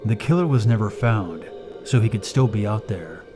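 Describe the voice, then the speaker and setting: A man narrating a scary personal story in a steady, measured way. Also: on the low side, music in the background.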